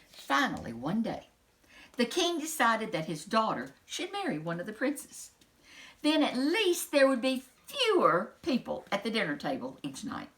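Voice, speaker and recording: Bright, very animated woman reading a storybook. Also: mid-range voice. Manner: animated, dramatic emphasis. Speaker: storyteller reading a children's book aloud. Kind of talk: expressive storybook narration with casual asides.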